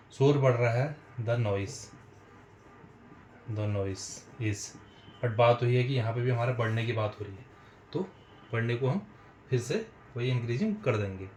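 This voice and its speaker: Man teaching slowly in an echoey room. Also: medium pitch, a little mellow, a little hiss or hum. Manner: slow, repetitive explaining, addresses viewers as friends. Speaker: English teacher. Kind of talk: spoken English lesson in Hindi.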